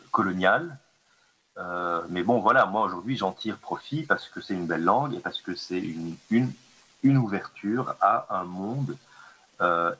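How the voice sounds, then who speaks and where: A hesitant man with a deep voice and a sharp tone, an artist from Lebanon whose first language is Arabic, answers questions as a guest in a conference discussion. He fills his speech with fillers and restarts. The low-quality recording has slight background noise.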